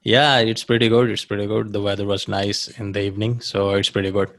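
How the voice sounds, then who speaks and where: A man hosting a podcast interview, casual and halting, often repeating his words. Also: on the low side, level tone, a bit bright. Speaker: podcast host.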